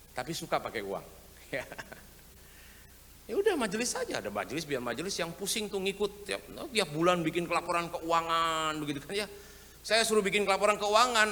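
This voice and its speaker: A pastor delivers a lively sermon and acts out the voices of the people in his stories. His voice is bright and sits a little high for a man. The sound rings with the long reverb of a large church hall, over a faint hiss. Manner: humorous, lively storytelling with acted quotes. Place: church sanctuary.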